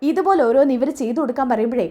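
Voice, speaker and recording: A woman's voice: high voice, expressive, racing, dark tone. A woman voicing a stern, protective older sister-in-law who scolds and threatens, in a retold serial story. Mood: scolding.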